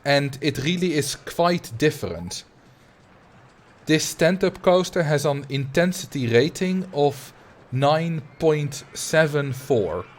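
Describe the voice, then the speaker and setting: A video game livestreamer from the Netherlands, who grew up in Drenthe and speaks Dutch natively, chats casually and ramblingly as he plays, with a noticeable but mild Dutch accent. His voice is on the high side, expressive, and slow.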